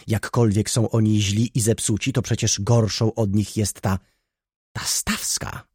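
A man's voice: on the low side, steady tone, unhurried, darkish tone, breathy edge, no room sound, clean studio sound. A man reading an audiobook, voicing a hysterical, self-righteous aristocratic baroness with melodramatic, indignant outbursts. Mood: ranting.

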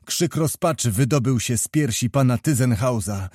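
A man narrating a historical novel in a measured, expressive storytelling voice. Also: medium pitch, no room sound, studio quality. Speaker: audiobook narrator.

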